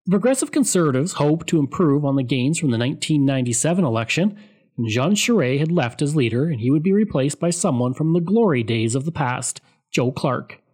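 A man giving a scripted, steady explanatory narration of political history. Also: fairly high pitch.

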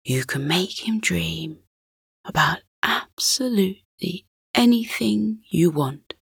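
Woman doing a kindly dream-maker dad, soft whisper, slow, dry close sound. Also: fairly low pitch, lively intonation, creaky, husky, no room sound, exaggerated voice. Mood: hushed. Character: gentle male dream-maker father, kindly.

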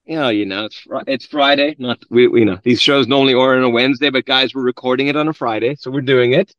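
A man's voice: mid-range voice, steady tone, fast, fairly bright tone, dry recording, dull audio. A man hosting a podcast interview in a chatty, upbeat way. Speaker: podcast host.

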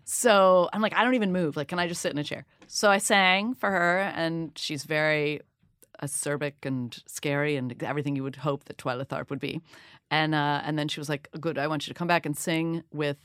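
Animated woman telling a story. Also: sits low, fairly quick, clear, resonant tone, dry recording, studio quality. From Detroit, Michigan. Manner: animated, self-deprecating storyteller acting out voices. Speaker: guest. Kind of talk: casual interview storytelling.

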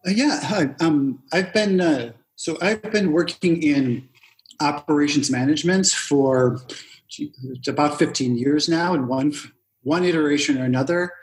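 A middle-aged man, a guest in an interview, speaking in a measured, slightly halting way about his career. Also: a little high, low-quality recording. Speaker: guest, operations manager. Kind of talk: casual interview answers.

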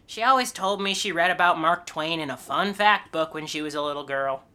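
A woman's voice: deep voice, brisk, sharp tone. Brief: woman doing an awkward, self-deprecating young guy in improv. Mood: wry. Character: awkward young man explaining his odd name. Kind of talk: improvised comedy scene.

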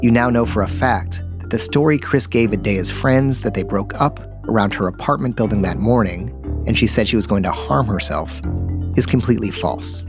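A man hosting a podcast, narrating a true-crime investigation in a measured, insistent way. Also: on the low side, over music.

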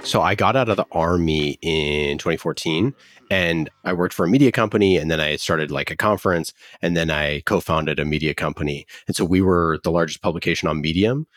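An American man from Oakland, founder of a podcast company, tells his story as an interview guest in a conversational, explanatory way. His voice is low-pitched and brisk, and the recording is dry.

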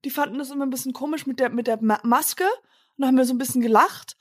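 This is a high, bright-voiced bank robber wife, played by a woman in an improv sketch. She rambles and babbles nervously in her chatty way. The scene is played for comedy, as a loose improvised sketch. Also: fast talker. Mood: flustered. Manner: rambling, breathless and excitable.

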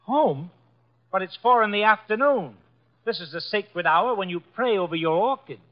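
An actor playing a breezy, cocky detective's assistant with brisk slangy talk, in a 1950s radio drama. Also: male voice, high-pitched, lively intonation. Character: breezy, wisecracking tough male detective's assistant. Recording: dull vintage 1950s radio recording.

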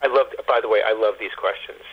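Over a muffled, narrow phone line, a male interview guest answers questions conversationally, often repeating words as he explains. His voice is lowish, husky and steady, and he talks fast.

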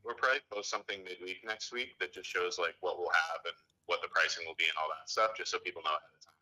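A man with a very deep voice comes through a speakerphone line, yet his tone is bright and forceful. He talks in a relaxed, offhand way, full of fillers, like a staff member phoning in. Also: quick pace, low-quality recording. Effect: heard over a speakerphone call. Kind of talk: casual phone chat.

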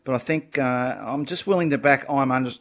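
An Australian man gives horse racing tips in casual panel chat. He sounds confident and opinionated, with a blokey, conversational delivery at an ordinary male pitch. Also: fairly quick.

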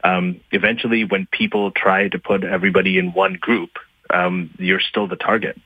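A man speaks in a low, husky voice through a tinny, narrow phone line. He talks haltingly and thoughtfully, restarting his sentences and filling the gaps with uh and um. The call sounds dry and close. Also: flat delivery, no room sound. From Pakistan, Libya and Saudi Arabia. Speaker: guest author. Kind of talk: phone-in interview.

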